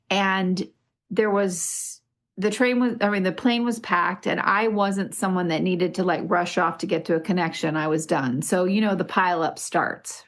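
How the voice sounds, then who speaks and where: A woman's voice: mid-range voice, vocal fry. A woman hosting a podcast in casual chat, telling stories expressively and addressing listeners. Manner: expressive, emotional storyteller, speaks to listeners. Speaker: podcast host.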